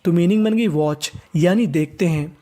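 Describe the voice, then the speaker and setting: An adult teacher, giving a step-by-step lesson, spelling words letter by letter and repeating them slowly. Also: medium pitch, warm tone. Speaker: English teacher.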